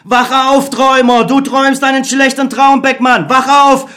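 A man's voice: very high-pitched, little pitch movement, normal speed, bright, forceful tone, pitched above the performer's own voice. A man doing an eager, urging inner voice. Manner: urgent, coaxing exhortation. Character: optimistic male inner voice, urging and insistent. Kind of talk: dramatic reading of a stage play.

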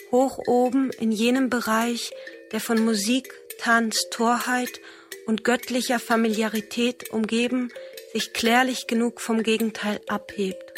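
A woman reading a surreal literary text aloud as narrator, in a slow, even recitation. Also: fairly high pitch.

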